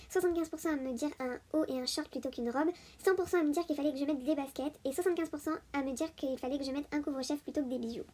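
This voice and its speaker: A woman's voice: high voice, dark tone. A woman giving a casual voice-over for her video, chatty and full of hesitations and fillers. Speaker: video host.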